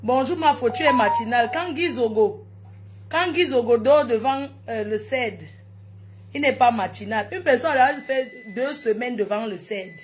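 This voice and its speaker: A woman hosting a casual morning live stream, chatting softly and greeting her viewers with terms of endearment. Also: on the high side, moderate pace, slight background noise.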